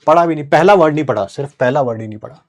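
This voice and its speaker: A male chemistry teacher with a slightly high voice explains in a chatty, lively lecture. He mixes English technical terms into his talk and keeps asking students if they follow. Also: rapid-fire, dull audio. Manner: conversational, mixes English terms, asks "है ना?" often.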